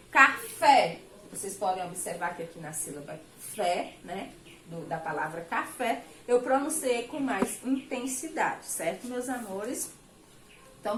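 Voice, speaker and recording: A Brazilian woman teaching a recorded children's lesson. She talks warmly to her pupils and checks their understanding often. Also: a little high. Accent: Brazilian Portuguese. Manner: affectionate, checks in with "tá certo?" often. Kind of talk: remote class lesson for children. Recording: echoey room, faint background noise.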